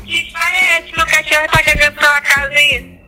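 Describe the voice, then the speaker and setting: A woman's voice: high-pitched, level tone, fast talker, sharp tone, soft background music. A woman friend on a phone call, blunt and joking in casual chat.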